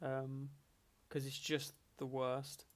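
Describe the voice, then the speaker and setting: A man's voice: mid-range voice, monotone, takes it slowly. A man hosting a livestream, chatting casually and rambling through answers to chat questions with a joking manner. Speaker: livestream host.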